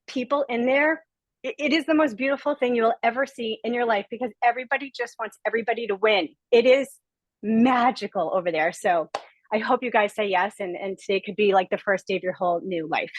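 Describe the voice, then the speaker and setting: A woman's voice: on the high side, fast, no room sound, rough recording. Gushing woman giving a webinar testimonial. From Rhode Island. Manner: gushing, heartfelt, emphatic. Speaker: guest speaker. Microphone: video call.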